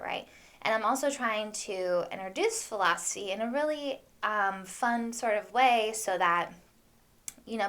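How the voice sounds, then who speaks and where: A woman hosts a casual solo podcast in a medium-pitched voice. She talks informally and conversationally, working out her thoughts as she goes. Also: sharp tone. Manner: informal and conversational, thinking aloud. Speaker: podcast host and housewife.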